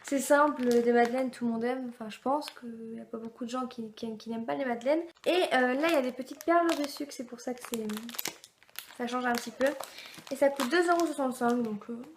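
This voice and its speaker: A woman's voice: a little high, a little fast, a little hiss or hum. A young woman from France, vlogging a casual unboxing at home, rambling with lots of fillers and restarts. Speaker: beauty and food box vlogger. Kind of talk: casual unboxing chat to camera.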